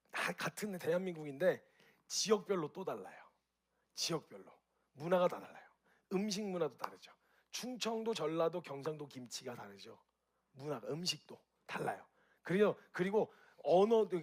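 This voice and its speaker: A man giving a lively talk to an audience, asking them questions and acting out reactions with sound effects. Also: on the high side, normal speed. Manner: animated, direct questions to the audience. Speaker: speaker at a group gathering.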